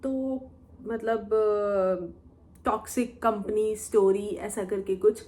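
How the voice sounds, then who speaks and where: Animated young woman telling a story. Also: medium pitch, slow pace. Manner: animated, colloquial, mixes English words into speech. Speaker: vlogger. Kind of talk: casual Q&A storytelling.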